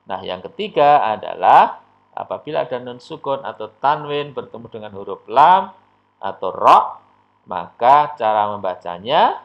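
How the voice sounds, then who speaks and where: Male recitation teacher, patient and unhurried, mid-pitched voice, muffled home recording. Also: very animated. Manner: slow, patient explaining with chanted recitation examples. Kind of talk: online tajwid lesson. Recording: dull lo-fi audio.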